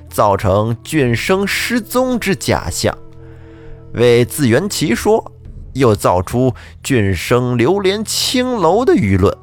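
A man voicing a stern, imperious county magistrate who rebukes the court and lays out his verdict. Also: mid-range voice. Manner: commanding, bellowing rebukes.

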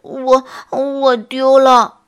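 A woman voicing a clumsy, worried young male bear in a bedtime story, speaking slowly and haltingly. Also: sits high, little pitch movement, clean tone. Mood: anxious. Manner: slow, halting and fretful.

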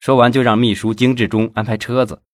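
A man narrating an audiobook in a measured, steady way on a close microphone. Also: mid-range voice, no room sound.

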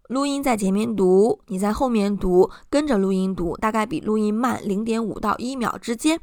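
A woman hosts a book-review podcast and lays out a study method one step at a time. Her voice carries a touch of vocal fry. The recording is dry and close, with no room sound. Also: medium pitch, a bit bright, no room sound. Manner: explanatory, step-by-step, patient. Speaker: podcast host.

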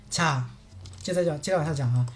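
A woman teaching in a livestream lesson, lively and full of rhetorical checks with her viewers. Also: low-pitched, normal speed. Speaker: Korean language teacher.

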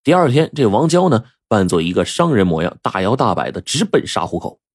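A male storyteller with a low, husky voice that ranges widely as he narrates. He keeps up a chatty flow of asides and rhetorical questions. The recording is dry and close. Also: very animated, brisk, dry recording.

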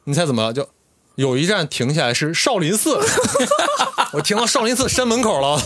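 A man's voice: fairly high pitch, moderate pace. A man in casual chat telling a funny work story, acting out the people in it and laughing as he goes. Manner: animated storyteller, acts out quoted voices, laughs while telling. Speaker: stand-up comic guest.

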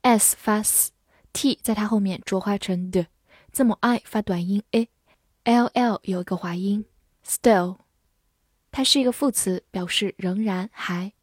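Lady teaching english words, spells them out letter by letter, repeats phrases real slow, dry sound. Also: mid-range voice, no echo. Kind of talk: vocabulary lesson with slow read-alouds.

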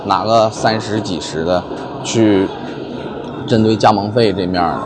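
Being interviewed amid busy crowd noise, a man who owns a milk tea shop gives hesitant, conversational answers. He speaks with a fairly low voice at a measured pace.

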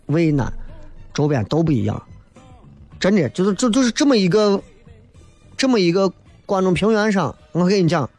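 A man's voice: sits high, sing-song, moderate pace, long pauses, darkish tone, soft background music. A man from Xi'an with a Shaanxi accent, hosting a humorous, colloquial monologue and slipping into mimicry for comic effect. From Xi'an, Shaanxi, China. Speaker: comedy show host. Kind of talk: humorous observational monologue on local dialect and city life.

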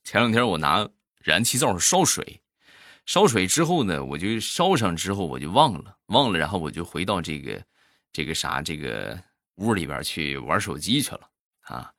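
A man tells comic home anecdotes in a casual, self-deprecating way, poking fun at himself. His voice is low but bright, and his pitch swings a lot as he tells it. The sound is dry and close to the mic. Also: big pitch swings, normal speed, no room sound. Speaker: comic storyteller.

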